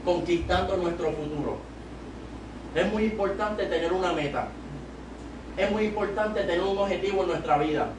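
A young evangelist from Puerto Rico, speaking with a Puerto Rican Spanish accent, exhorts a youth service from the pulpit of a small church sanctuary, handheld mic in hand, his sermon rising to loud, emphatic peaks. His voice is high-pitched, his pace moderate, broken by long pauses. Captured by a far camera, the recording is noisy and echoes around the church room.

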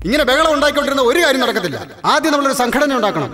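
A man's voice: extremely high pitch, big pitch swings, very fast, sharp tone, faint music behind, exaggerated voice. An actor dubbing a pompous male political organizer who makes formal announcements in a film scene. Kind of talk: dubbed film acting.

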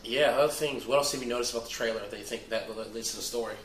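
Hoarse man, movie show host, slangy and upbeat, mid-pitched voice, roomy echo, faint background noise. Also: racing, fairly bright tone. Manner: laid-back, slangy, enthusiastic. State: hoarse, recovering voice. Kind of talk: casual movie news chat. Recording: echoey room.

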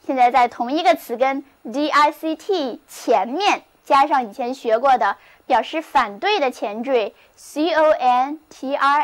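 High-pitched woman teacher, spells out english words letter by letter, slow and careful. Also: fairly bright tone. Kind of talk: scripted vocabulary lesson.

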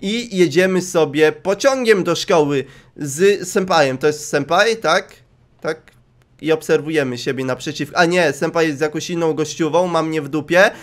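A man's voice: fairly high pitch, normal speed. A young man giving casual, joking let's-play commentary, chatting to viewers as a gaming YouTuber. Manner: playful, jokey, talks to viewers.

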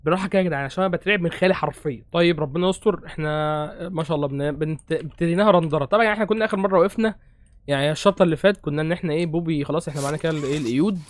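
A man's voice: a little high, very fast. A young Egyptian man hosting a horror game playthrough, rambling and joking nervously. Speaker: gaming host.

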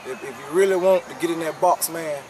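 A young man who coaches youth football gives a postgame interview outdoors at night, speaking fast in a fairly high voice. He repeats words and often adds "man", picked up by a distant mic with a crowd behind him.

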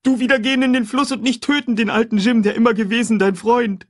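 A man's voice: high-pitched, sing-song, measured pace, breathy edge, voice pushed up, full character voice. A man voicing a frightened, hungry grown man who talks in broken, ungrammatical speech, in an audiobook. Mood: pleading terrified. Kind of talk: audiobook character voice.

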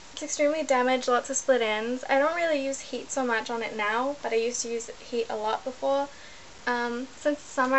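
Recorded on a laptop webcam in a small bedroom, a young New Zealand vlogger rambles through a casual chat to camera, often correcting herself. Her voice is fairly high and a bit bright, and the low-quality audio has a little hiss or hum.

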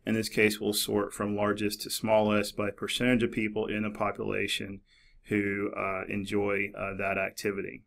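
A middle-aged man narrating a screen-recorded tutorial in a relaxed, explanatory way, with many fillers and restarts. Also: fairly low pitch, vocal fry. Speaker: librarian demonstrating a database. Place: office.

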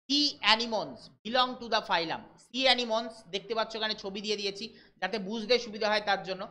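A man from West Bengal teaching a live online exam-prep class, reading English questions out slowly and explaining them briskly while checking in with his students. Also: high voice, pushed and bright. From West Bengal, India. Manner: brisk, keeps checking in with listeners.

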